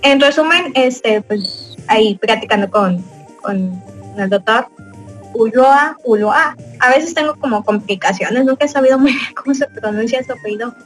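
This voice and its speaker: A young woman hosts a casual podcast chat in a Mexican Spanish accent, rambling with frequent fillers and light chuckles. She talks at a normal speed in a slightly high voice, with faint music behind her on a rough recording.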